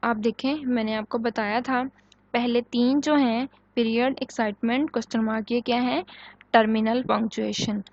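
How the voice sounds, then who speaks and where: A woman teaching English grammar in a recorded online lecture, explaining in Hindi and Urdu, reading English example sentences slowly, and asking the class questions that she answers herself. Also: fairly high pitch, steady tone, no echo, muffled recording.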